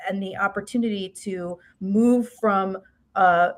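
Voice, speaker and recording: A woman with a New York accent, a guest expert in an interview, talking in halting starts and restarts with frequent tag questions. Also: medium pitch, fairly even intonation. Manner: halting, many fillers and restarts, "right?" tags. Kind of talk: interview conversation.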